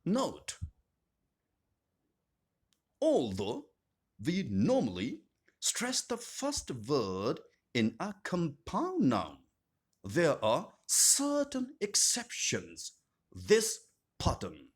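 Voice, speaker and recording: A man teaching an English grammar lesson, speaking slowly and deliberately and repeating each term with strong stress. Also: a little high, huge pitch swings, slightly rough. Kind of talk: scripted grammar lesson narration.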